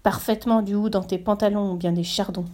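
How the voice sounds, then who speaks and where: A woman's voice: medium pitch, fairly even intonation, fairly quick, darkish tone, close to an everyday voice. A woman reading a storybook voices an earnest, indignant young boy who raises his voice to be heard. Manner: pleading, straining to be heard.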